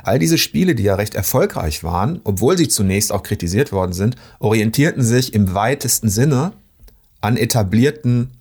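A man discussing video games in a casual conversation, measured and full of hesitant pauses. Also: fairly low pitch, animated, a little mellow, breathy edge. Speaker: game critic.

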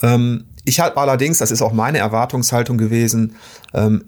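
A man discussing video games in a casual conversation, measured and full of hesitant pauses. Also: mid-range voice, steady tone, darkish tone. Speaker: game critic.

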